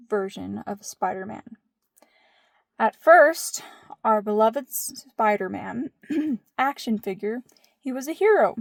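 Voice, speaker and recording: A woman's voice: a little high, dry recording, studio quality. A woman in her thirties telling a family story in a playful, mock-dramatic way, dropping into whispered asides. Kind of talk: casual storytelling.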